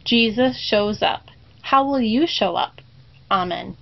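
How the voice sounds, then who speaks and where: A middle-aged woman gives a church reflection aimed at children. She speaks deliberately and keeps coming back to a short refrain. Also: a little high, gravelly. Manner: slow, deliberate repetition of a refrain. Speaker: congregation member giving a reflection. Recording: dull lo-fi sound.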